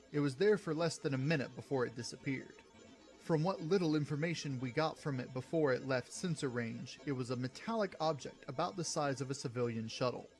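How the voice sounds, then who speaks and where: A man's voice: medium pitch, lightly acted. A man voicing a tense military commander in a narrated sci-fi story.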